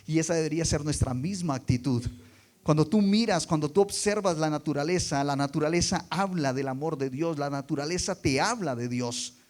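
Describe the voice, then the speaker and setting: A man preaching a sermon, dropping quiet and then rising loud for emphasis, and putting rhetorical questions to the congregation. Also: fairly high pitch, fairly quick. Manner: expressive, swings between soft and loud for emphasis.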